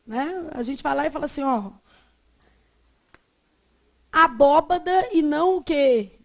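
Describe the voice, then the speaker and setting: A Brazilian woman teaching a Portuguese class, quizzing her students and drawing words out slowly to show how they are said. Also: sits high, vocal fry. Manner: lively, asks the class questions and answers them herself; stretches words out slowly to model pronunciation. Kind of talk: classroom lecture.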